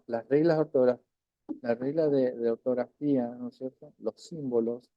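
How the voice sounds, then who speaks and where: A medium-pitched man leads a recorded language lesson, patiently repeating words at a slow pace and often asking "isn't that right?". The recording is lo-fi with no room sound.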